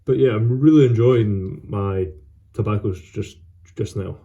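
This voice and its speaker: A man hosts a relaxed solo vlog in a very dark, mellow voice. His pitch sits a little low. He chats casually and rambles along, often halting as he gathers his words. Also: dull audio. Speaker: host of a pipe tobacco vlog. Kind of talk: casual solo chat to camera.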